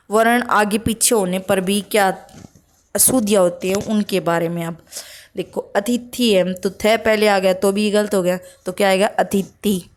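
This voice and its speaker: Slow-paced woman teaching spelling. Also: medium pitch. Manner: slow, listing words one by one with "ठीक है" checks. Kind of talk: exam-prep lesson, reading word lists.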